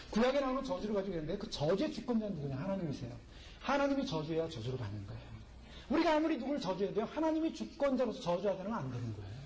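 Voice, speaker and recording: A man's voice: sits high, darkish tone, slight background noise, poor audio. A male pastor preaching a sermon, delivering it emphatically and firing rhetorical questions at the congregation.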